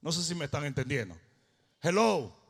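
A man preaching a fervent sermon as pastor, often shouting and half-singing his lines. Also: fairly high pitch, sing-song, normal speed, gravelly, husky. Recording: long hall reverb.

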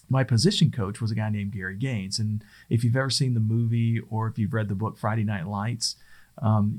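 In a relaxed, rambling way, a middle-aged man teaches presentation skills as a casual spoken lesson, frequently restarting sentences. He has a fairly low pitch and a darkish tone.

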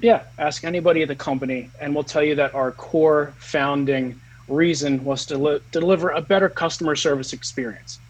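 A man speaking as the founder of a company in a casual interview, earnest, slowing down on key words. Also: a little high, steady tone, poor audio.

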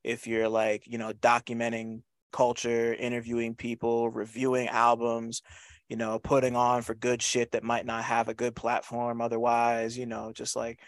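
Halting, casual man with a dry close sound. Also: medium pitch, monotone, dry recording. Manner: halting, repeats words, frequent "you know"; casual swearing and slang. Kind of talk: casual conversational interview talk.

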